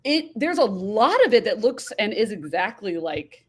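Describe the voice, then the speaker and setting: A woman's voice: mid-range voice, sing-song, normal speed, slightly rough. A woman in casual chat, talking frankly and with animation as a guest.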